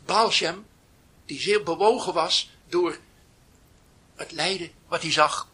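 A man giving a reflective spiritual talk, telling a story slowly with long pauses, often dropping to near whispers, then rising with emphasis. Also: a little high, pushed and bright, slightly rough. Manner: slow, pausing delivery. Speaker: spiritual teacher.

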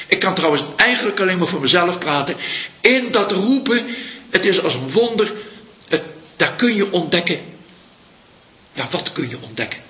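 A man giving a reflective Buddhist dharma talk as a teacher, speaking slowly and searching for his words. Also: high-pitched, bright, forceful tone. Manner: slow, searching, pauses to find words. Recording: echoey room, dull lo-fi sound.

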